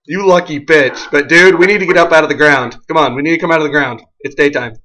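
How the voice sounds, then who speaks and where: A high-voiced host playing a game with a friend, chatting excitably, giggling and often shrieking dramatically. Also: quick pace. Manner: frequent shrieks and screams. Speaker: Let's Play host. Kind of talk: excitable gameplay chat.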